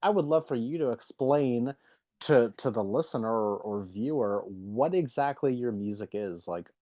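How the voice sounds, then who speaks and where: A man's voice: mid-range voice, lively intonation, moderate pace, warm tone. A man hosting an interview, chatty and enthusiastic, peppering his questions with "like" and "you know.". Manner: chatty, filler-heavy, enthusiastic. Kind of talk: casual interview talk. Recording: dull, muffled audio.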